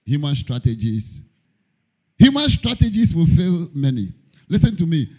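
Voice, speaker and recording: A man's voice: a little high, very animated, normal speed, a little mellow. A man preaching a sermon in church, emphatic, repeating key lines and singing out phrases. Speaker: pastor.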